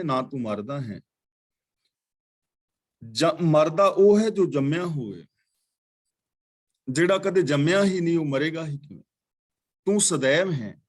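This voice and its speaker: A man teaching a scripture class, chanting verses slowly and then patiently explaining them word by word. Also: on the high side. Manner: patient, corrects pronunciation. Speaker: katha teacher.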